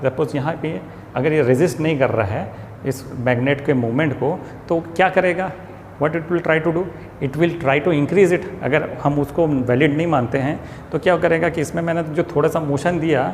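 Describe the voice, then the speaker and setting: A male physics teacher delivers a classroom lecture in a voice on the high side, working through the material step by step and posing questions he then answers himself. He slows down to read English statements aloud carefully. The recording has a long reverb and faint ambient noise.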